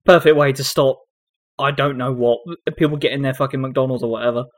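A man's voice: mid-range voice, steady tone, fairly quick, dry recording, studio quality. A man co-hosting a podcast who mocks and swears freely in casual chat. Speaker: podcast co-host.

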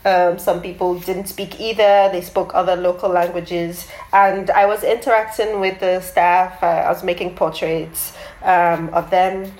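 A woman with a lowish voice talks through her work in a relaxed interview. She speaks thoughtfully, pausing on fillers and restarting sentences. The room is echoey and roomy around her. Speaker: interviewee, artist behind a photography project. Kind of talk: casual interview talk.

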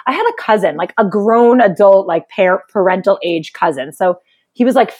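A woman with a New York accent and a raspy chain-smoker voice, chatting casually and jokingly as a comedian guest. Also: medium pitch, very animated, normal speed, darkish tone. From Brooklyn, New York, United States. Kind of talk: casual chat.

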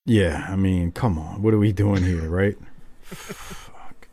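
A man's voice: low voice, takes it slowly, dark tone. A man hosting a podcast, chatting casually and bluntly through a wrestling recap with some swearing. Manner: profane, blunt. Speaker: podcast host.

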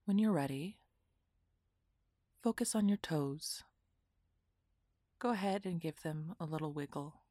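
A woman guiding a relaxation meditation in a soft, half-whispered, soothing voice. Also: low voice, a little slow, pauses often, no echo, clean studio sound. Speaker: meditation guide.

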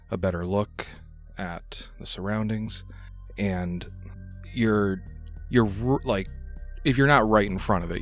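A man narrating a tabletop game as game master, with many pauses and fillers. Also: sits low. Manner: hesitant, filler-heavy narration.

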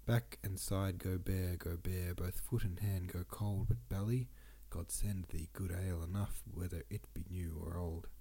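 A male podcast host with a low, slightly slow voice, vocal fry and a breathy edge reads old poems aloud with hardly any pauses. He sounds sniffly and congested, and he drops relaxed asides as he chats about the verse in a casual reading-and-commentary style.

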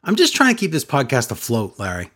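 A man hosts a casual podcast in a playful, salesy voice, talking up listener perks with mock enthusiasm. His voice sits at an ordinary middle pitch for a man. His delivery is loose and joking. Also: wildly swooping pitch, fast, a bit bright. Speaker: podcast host.

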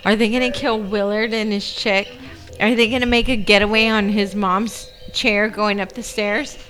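Bright woman with crude commentary. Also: mid-range voice, steady tone, moderate pace, faint music behind. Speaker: co-host watching a film. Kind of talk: casual movie-watching chat.

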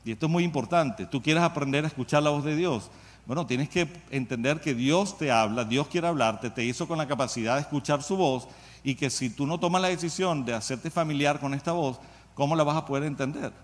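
A man's voice: fairly high pitch, a little fast, long reverb tail. A man preaching a sermon in a casual, conversational way, often asking the congregation questions.

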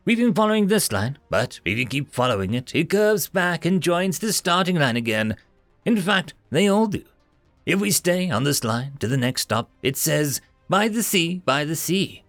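A man's voice: fairly high pitch, very animated, moderate pace, a bit bright, dry recording, faint music behind, pitched above the performer's own voice. A man voicing a cheerful, teasing young male explorer in an upbeat way.

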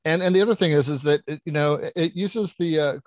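A man's voice: a little high, fast, a little mellow, dry recording. Man chatting in a dry, close sound. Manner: enthusiastic, rambling with many restarts. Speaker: podcast panelist. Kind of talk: casual chat.

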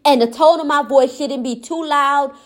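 A woman giving a motivational monologue, impassioned and emphatic, with a gentle yet firm voice. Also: high voice, moderate pace. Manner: impassioned, repetitive emphatic phrasing.

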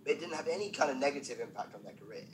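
This podcast guest, a male stand-up, races through comic stories about himself with lively intonation and wry asides mixed in. His voice is of average male pitch. Background noise runs beneath the recording.

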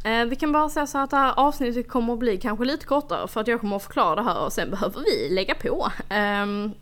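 A young woman co-hosts a casual podcast in a somewhat high voice. She tells her stories with animation and slips into the voices of the people she quotes. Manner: animated storytelling, acts out quoted dialogue. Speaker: podcast co-host.

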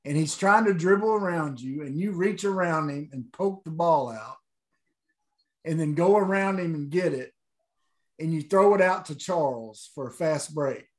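A man's voice: on the high side, normal speed. A man hosting a casual sports interview, talking like an enthusiastic fan. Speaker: interview host.

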